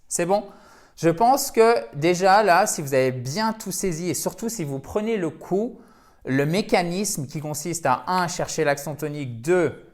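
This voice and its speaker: An energetic man gives a pronunciation lesson to French learners, drilling each word again and again. He talks in a chatty, encouraging way between the examples. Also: mid-range voice. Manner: energetic, repeats words for drilling, chatty asides. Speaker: English pronunciation teacher. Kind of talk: video lesson.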